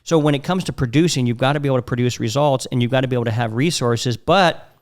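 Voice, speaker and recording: Profane, animated male podcast host. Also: medium pitch, quick pace. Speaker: podcast host, marriage coach. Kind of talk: casual podcast chat.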